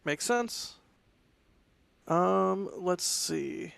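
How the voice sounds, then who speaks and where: High-pitched, chatty man hosting a livestream. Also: animated, extremely slow, gravelly, a bit bright, clean tone, dry recording. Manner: chatty, self-interrupting. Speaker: livestream host. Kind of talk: casual live launch commentary.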